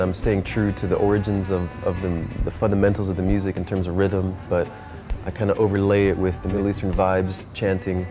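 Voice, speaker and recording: Deep-voiced laid-back man over music. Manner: laid-back, often adds "you know". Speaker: reggae musician being interviewed. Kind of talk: reflective interview monologue. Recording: clear music playing behind the voice.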